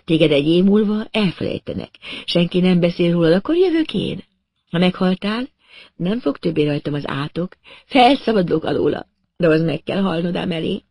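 Guy doing a crazed obsessive young woman in an audiobook, higher and pushier than his own voice. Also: lively intonation, a little mellow, no room sound. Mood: feverish. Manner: feverish, fixated, menacing. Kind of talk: audiobook reading.

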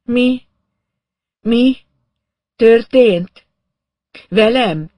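A man putting on a dazed, shocked woman in a high voice. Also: a little mellow, no echo. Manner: halting, breathless, stunned. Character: dazed middle-aged woman artist in shock.

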